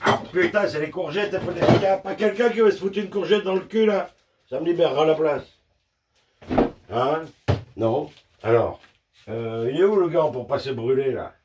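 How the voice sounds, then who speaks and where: A man's voice: fairly high pitch, animated, moderate pace, long pauses, noisy background. A man chatting casually in a cooking vlog in his home kitchen, joking about his own mistakes, swearing freely and talking straight to the viewer while he works. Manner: joking, self-mocking, crude swearing. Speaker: home cook vlogger.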